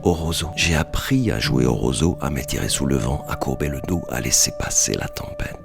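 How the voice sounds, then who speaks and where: A man giving a measured scripted reading of a text. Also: extremely low pitch, lively intonation, gravelly. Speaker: podcast host. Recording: voice over music.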